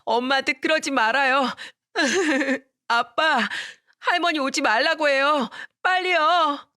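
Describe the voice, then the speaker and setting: A narrator voicing a small boy who is tearful and fiercely protective, pleading in a shrill voice. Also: slow pace, bright, forceful tone, heavily acted. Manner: shrill, pleading, near tears.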